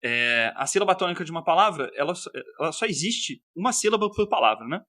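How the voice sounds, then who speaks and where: Podcast guest, male, São Paulo interior accent, brisk explanatory delivery, crisp bright voice. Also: on the high side, lively intonation, no room sound. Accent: São Paulo interior Portuguese. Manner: explanatory, gives examples, many "né?" tags. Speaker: linguist guest.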